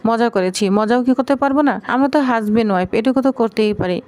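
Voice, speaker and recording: A woman's voice: a little high, fast talker, a little mellow, natural voice. A woman voicing a young husband who is curt and hurt, delivering his lines in a clipped, brusque way within a narrated recap.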